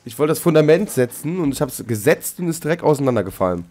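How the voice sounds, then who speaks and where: A man hosting a Let's Play, chatting casually with a co-op partner, excitable and joking, often exclaiming. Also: on the high side, fast. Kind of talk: casual co-op gaming chat.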